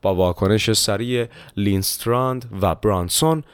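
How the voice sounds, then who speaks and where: A man hosting a book-summary podcast, telling the story in a steady scripted narration and closing with a polite formal thanks. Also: on the low side, clean tone, no echo, clean studio sound.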